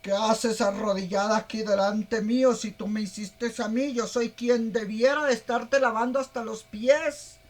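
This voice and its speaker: A woman preacher voicing a talking carved idol, loud, high and eager to serve. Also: fairly even intonation, unhurried, hardly any pauses.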